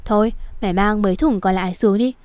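A woman reading a story and voicing a spoiled, sharp-tongued young rich woman who talks haughtily and rudely. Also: medium pitch, fast talker, no echo, natural voice. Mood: haughty. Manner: haughty and rude.

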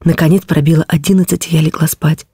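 A woman narrates a classic novel in a measured, expressive way. Her voice has a gravelly texture, and the recording is close and dry. It sounds like a studio audiobook. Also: low-pitched, dry recording. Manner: measured, expressive literary reading.

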